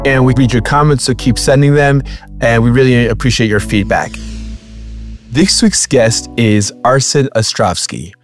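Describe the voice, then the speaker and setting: A man co-hosting a podcast, chatting casually with fillers and restarts, then introducing the show and a guest. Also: mid-range voice. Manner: conversational, with frequent fillers and restarts. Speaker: podcast co-host.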